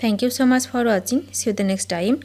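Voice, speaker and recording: A woman teaching spoken English, reading each phrase and then repeating the English slowly and clearly. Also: a little high, a little mellow. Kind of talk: slow phrase-by-phrase language drill.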